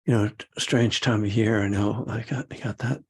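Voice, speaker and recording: A man's voice: fairly low pitch, steady tone, moderate pace, a little mellow, slightly rough. An older man and meditation teacher gives a rambling, casual dharma talk, chuckling often and full of fillers.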